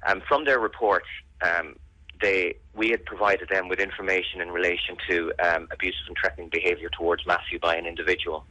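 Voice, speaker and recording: Deep-voiced Irish man, earnest and insistent. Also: steady tone, fairly quick, pushed and bright, no room sound, low-quality recording. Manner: earnest, insistent, repeats phrases for emphasis. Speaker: interviewee, bereaved brother campaigning for an investigation. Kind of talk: serious radio interview answers.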